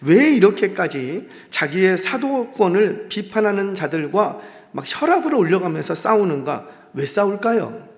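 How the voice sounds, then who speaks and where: A middle-aged male pastor preaching in a church, animated and often putting questions to the congregation. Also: high-pitched, normal speed, hardly any pauses, lo-fi sound. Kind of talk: sermon. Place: church sanctuary. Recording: long church reverb.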